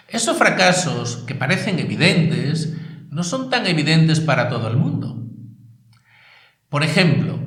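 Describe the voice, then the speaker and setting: A man's voice: on the high side, a bit bright, roomy sound. A male priest giving a sermon, emphatic, repeating key phrases and asking rhetorical questions.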